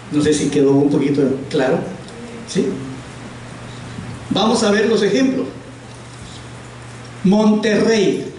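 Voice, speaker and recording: A man with a high, darkish voice leads a grammar lesson, patiently questioning the class and echoing back their answers. It takes place in a classroom at a house of prayer, recorded from a distance in a very echoey room with faint hiss.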